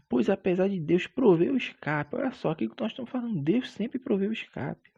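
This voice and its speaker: A man teaches a Bible lesson in a gravelly, husky voice. He preaches with emphasis, drawing out key words and calling his listeners brother. The recording is dull and lo-fi. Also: high voice, a little mellow. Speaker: Sunday school teacher.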